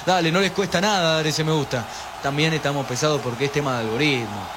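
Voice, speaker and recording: Argentine male stream narrator, high voice, lively viewer banter, noisy track. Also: fast talker. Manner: animated, reads viewer chat aloud, pushes for likes. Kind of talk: live pre-match stream commentary. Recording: steady background noise.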